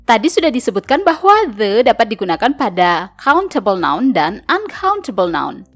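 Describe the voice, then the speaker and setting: A woman narrating a scripted English lesson, saying each example word slowly and carefully twice. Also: a little high. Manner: slow, careful repetition of example words. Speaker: English teacher. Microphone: voice-over.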